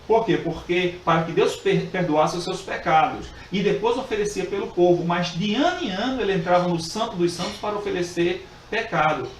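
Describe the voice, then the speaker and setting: A man teaching a Bible study lesson, earnest and repetitive, pausing often with fillers as he explains. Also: high-pitched. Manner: earnest, repeats phrases with frequent filler pauses. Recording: echoey room, distant mic, faint hiss.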